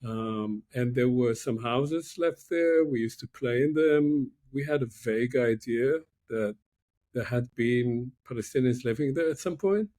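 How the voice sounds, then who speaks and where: An Israeli man in his sixties, a guest professor, answers interview questions over a laptop video call from a room in his home. His replies are reflective and measured, broken by many pauses. His voice sits at a medium pitch with a dark tone.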